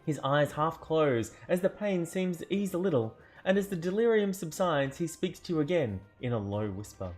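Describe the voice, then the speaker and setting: A man's voice: a little high, lively intonation, moderate pace, hardly any pauses, a little mellow, faint music behind. A man narrating an interactive fantasy adventure book aloud, theatrical, with joking asides and self-corrections. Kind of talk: dramatic storybook narration.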